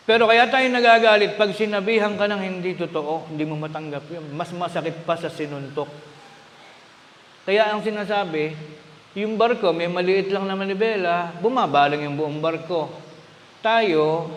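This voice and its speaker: A man's voice: fairly high pitch, slight background noise. A man from Bulacan in the Philippines giving a sermon as a minister, teaching conversationally and asking the congregation rhetorical questions. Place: church hall. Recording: echoey hall with long reverb.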